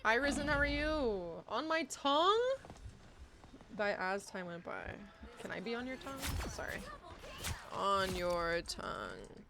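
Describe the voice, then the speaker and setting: A woman live streamer chatting casually with viewers while gaming, excitable and bubbly, with cutesy greetings and a playful foul mouth. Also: mid-range voice, a little slow, creaky, background noise.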